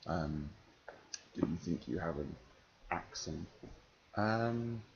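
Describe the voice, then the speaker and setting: A man from northern England with a London-softened English accent and slight northern touches, answering a casual questionnaire in a hesitant, dry, deadpan way. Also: low voice, slow, vocal fry. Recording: dull, noisy home recording.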